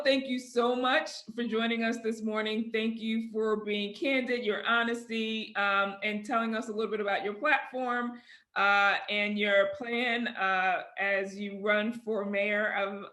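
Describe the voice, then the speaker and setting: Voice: medium pitch, flat delivery, a little slow, bright, forceful tone. A host moderating an interview, upbeat as they thank the guest and wrap up. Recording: roomy echo.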